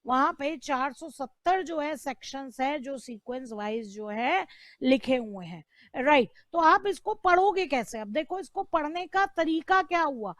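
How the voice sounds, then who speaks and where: This Indian woman's voice is high-pitched, animated and a little slow, recorded dry with studio quality. Giving an online exam-prep law lecture, she repeats terms, asks the class questions she then answers herself, and keeps checking in with "right?" and "clear?".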